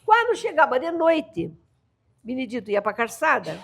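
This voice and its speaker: An older storyteller guest from Brazil's São Paulo coast tells folk tales in Brazilian Portuguese with a caiçara accent, speaking at a normal speed. Her high voice has vocal fry and a slight roughness, and she stays lively and laughing while voicing family members in dialogue.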